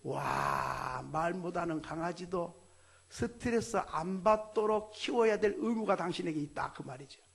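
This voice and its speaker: A man preaching a sermon as a pastor, animated, acting out family dialogue. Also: high-pitched, measured pace, creaky, slightly rough.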